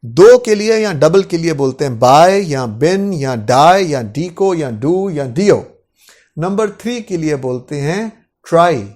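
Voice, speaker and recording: A man's voice: fairly high pitch, a little mellow. A man with an Indian accent teaching English vocabulary in a classroom-style lesson, carefully repeating each word twice for pronunciation practice.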